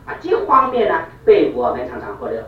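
A male preacher tells a story in an animated, quick-moving sermon and repeats points for emphasis. His pitch swings widely. He sounds far from the mic in a reverberant church hall, with dull, muffled sound. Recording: echoey, distant, dull hall recording.

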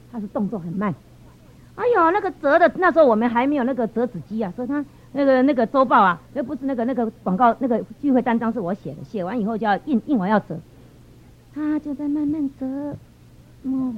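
A woman giving a lively church testimony, telling stories with animated expression. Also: a little high. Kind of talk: storytelling testimony. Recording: dull lo-fi sound.

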